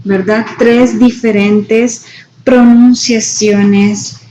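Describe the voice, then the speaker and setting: A woman's voice: fairly high pitch, flat delivery, mellow, slight background noise. A woman English teacher giving a classroom lesson, explaining step by step and checking understanding with frequent tag questions. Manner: slow, explanatory, checks in with "right?" and "¿verdad?". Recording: echoey room, dull lo-fi sound.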